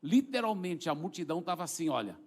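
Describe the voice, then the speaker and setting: A middle-aged male pastor preaching to his church, with a fairly high voice. He tells his testimony in a dramatic way, acting out each moment. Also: very animated, fast, darkish tone. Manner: dramatic storytelling, acting out the scene. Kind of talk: sermon testimony. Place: church before a congregation.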